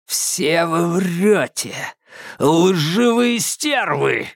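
A man reading an audiobook, voicing an unstable male killer who talks in a low, drawn-out, sluggish voice. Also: expressive, darkish tone, no room sound, studio quality, heavily acted. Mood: slow menace. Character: unstable male killer, menacing, erratic temper.

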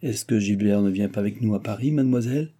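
A man's voice: lowish voice, fast talker, dark tone, natural voice. A man voicing a frivolous young maid who answers hesitantly, sometimes stammering.

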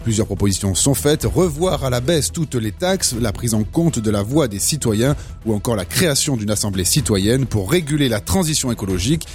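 A man's voice: mid-range voice, lively intonation, moderate pace, darkish tone, faint music behind. Man reading a short radio news bulletin. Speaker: news presenter.

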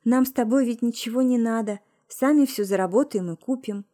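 A woman voicing a young woman, a soft and dreamy lover, in a gentle audiobook voice. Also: fairly high pitch, brisk, lightly acted.

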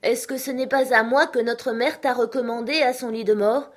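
A woman's voice: on the high side, fairly even intonation, normal speed, voice pushed up, natural voice. A woman voicing a devoted elder sister and mother of a family, pleading with reproachful questions. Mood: imploring.

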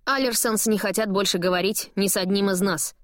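A woman's voice: mid-range voice, a little fast, fairly bright tone, dry recording, studio quality, natural voice. A woman reading an audiobook, voicing a stern middle-aged male boss who talks curtly and firmly. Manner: curt, weary, firm. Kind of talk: audiobook character voice.

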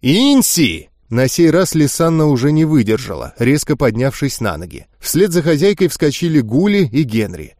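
A man calmly narrating a first-person fantasy audiobook with a wry edge. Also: medium pitch, dry recording, clean studio sound.

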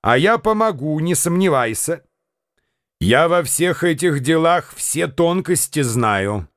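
A man's voice: a little high, lively intonation, slow pace, a bit bright, no room sound, clean studio sound. A man voicing a scheming, mocking young swindler who talks in a sly, wheedling way in a radio drama.

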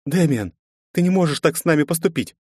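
A man's voice: fairly high pitch, expressive, a little fast, darkish tone, breathy edge, dry recording, pitched above the performer's own voice. A young woman on the verge of tears, pleading in a lifted, strained voice, as a male narrator puts her on. It is close and dry, read for an audiobook. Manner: pleading, tearful.

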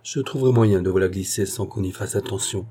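A man's voice: deep voice, fairly quick, mellow, slight background noise, lightly acted. A man voicing a shy, loyal young army officer in a read-aloud story, speaking faintly and hesitantly. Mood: uneasy. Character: timid young army lieutenant, loyal, uneasy.

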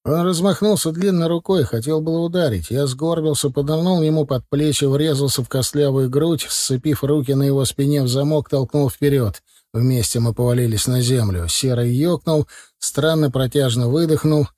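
Man, audiobook narrator, mid-pitched voice, dry close recording, measured reading. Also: dark tone, no echo. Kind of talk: scripted narration of a novel.

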